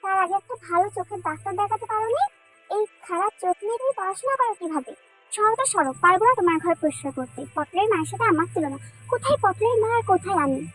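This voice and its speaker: Woman doing a pouty teen girl in a fan drama, super high voice, quick to get huffy. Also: faint music behind, rough recording. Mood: angry. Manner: pouting, quick to take offence. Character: sulky, hot-tempered teenage girl in love.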